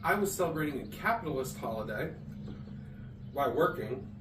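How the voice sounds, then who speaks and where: A man's voice: medium pitch, lively intonation, brisk, over music. A man co-hosting a podcast, chatting playfully and rambling, recorded in a garage. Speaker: podcast co-host. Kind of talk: casual comedy chat. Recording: echoey garage, far from mic, faint noise.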